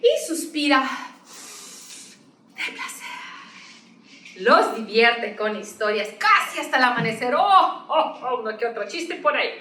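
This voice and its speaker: Lively, high-voiced woman reading to children. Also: moderate pace, hardly any pauses, a little hiss or hum. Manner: playful, with sound effects and questions to the child. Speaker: storytime host. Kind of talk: reading a picture book aloud to children. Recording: echoey room, mic at a distance.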